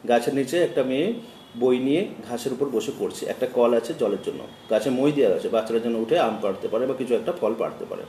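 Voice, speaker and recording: Male teacher, chanting letter drills for small children. Mellow tone, recorded from across a room with faint background noise. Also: medium pitch. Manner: chanting drills, counts aloud slowly. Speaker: primary school teacher. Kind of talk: children's lesson on counting and letters. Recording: echoey room from a distance, faint ambient noise.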